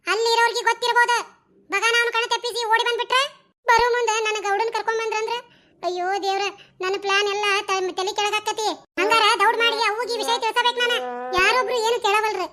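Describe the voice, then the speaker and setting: Female voice actor: squeaky, piercing cartoon village women, North Karnataka Kannada accent, rapid chattering delivery. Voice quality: very high, bright and shrill. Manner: fast, chattering village talk. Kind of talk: cartoon dialogue acting.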